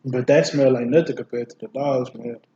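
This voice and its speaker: A man's voice: mid-range voice, steady tone, fairly quick, warm tone, husky, dull audio. A man co-hosting a casual eating vlog, telling a story bluntly and sounding grossed out. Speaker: vlog co-host. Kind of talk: casual chat while eating.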